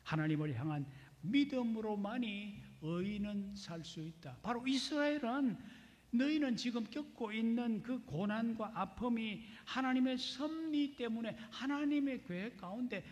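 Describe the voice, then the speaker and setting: High-voiced man preaching in a reverberant hall. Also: expressive, muffled recording. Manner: measured, explanatory preaching with pauses. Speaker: pastor. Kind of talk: sermon. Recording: long reverb of a large hall.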